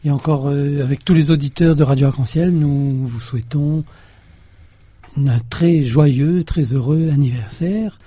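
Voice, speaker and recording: Husky, dark-voiced male radio host. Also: fairly high pitch, a little slow, no room sound. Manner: warm thanks with hesitations. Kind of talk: radio show sign-off.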